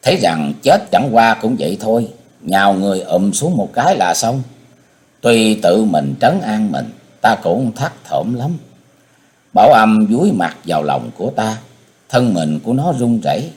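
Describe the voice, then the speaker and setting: Fields: expressive male audiobook narrator. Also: fairly low pitch, unhurried. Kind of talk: scripted martial-arts novel narration.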